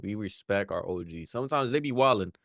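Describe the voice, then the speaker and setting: A man's voice: fairly low pitch, animated, brisk, a bit bright, no room sound, clean studio sound. A man hosting a reaction video in casual slang, tossing in "bro" constantly and breaking into heated outbursts.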